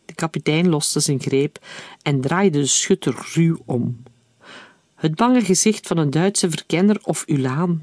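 A man narrating an audiobook in a calm, even storytelling manner. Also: fairly high pitch, no echo.

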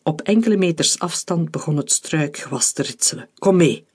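A man narrating an adventure novel as an audiobook in a calm, steady reading. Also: fairly high pitch, a little fast, husky. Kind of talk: scripted narration.

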